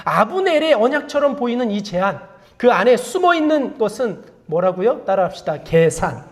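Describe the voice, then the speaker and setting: A woman pastor with a fairly high, very animated voice preaches at a moderate pace, firing rhetorical questions at the congregation and having them repeat after her. She confesses her own faults with self-deprecating asides.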